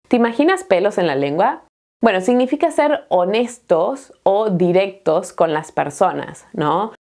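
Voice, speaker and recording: A woman from Latin America teaching a Spanish lesson, explaining slowly and often checking in with "¿no?". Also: mid-range voice, lively intonation, darkish tone. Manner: slow, clear teaching with frequent "¿no?" checks and laughs. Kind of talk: language lesson. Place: Australia.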